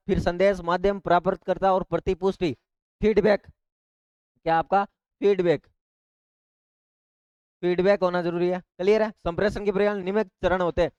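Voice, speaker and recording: A man's voice: high voice, flat delivery, moderate pace, darkish tone, clear, resonant tone, no echo. A male teacher, giving an exam-prep lecture and explaining each point with repeated rhetorical questions and asides.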